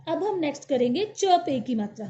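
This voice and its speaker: A woman's voice: high voice, expressive, a little fast, dark tone. A woman teaching a children's Hindi alphabet lesson, patiently repeating each syllable aloud for the class to follow. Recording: dull lo-fi recording.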